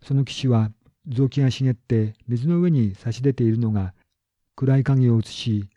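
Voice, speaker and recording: Man narrating with a very dark voice. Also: mid-range voice, normal speed, dry recording. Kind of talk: scripted narration of a literary story. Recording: dull lo-fi recording.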